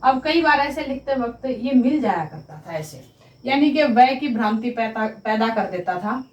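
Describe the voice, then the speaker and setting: A woman teaching grammar in a slow, deliberate way. She repeats each sound for pronunciation and checks with her students that they follow. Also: a little high, animated, reverberant, low-quality recording. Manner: addresses viewers as students, checking understanding. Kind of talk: classroom-style explanation at a board.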